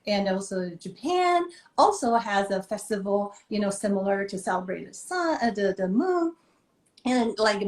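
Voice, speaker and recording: A Taiwanese-born children's author appears as a guest in a conversational interview on a live video stream, heard over a video call from an echoey room. Her voice is on the high side and a little mellow. She's thoughtful and earnest, with slightly non-native phrasing and plenty of fillers.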